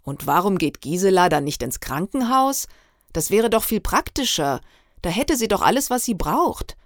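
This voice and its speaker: A woman's voice: mid-range voice, sing-song, normal speed, no echo, pitched above the performer's own voice, close to an everyday voice. Woman doing a snooty gossipy 13yo girl, sly and mocking, bouncy voice, dry sound. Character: snide gossiping thirteen-year-old girl. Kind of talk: audiobook reading.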